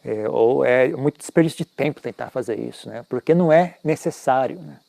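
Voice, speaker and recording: A man's voice: medium pitch, a little fast, vocal fry, dark tone, no echo. A man teaching Buddhism in an informal, conversational talk, often tagging his sentences with questions and making self-mocking asides.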